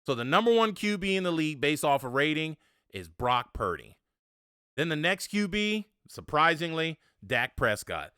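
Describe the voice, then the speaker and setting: A man hosting a sports podcast, talking casually with animated, annoyed rhetorical questions. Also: on the high side, no echo, studio quality. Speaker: podcast host.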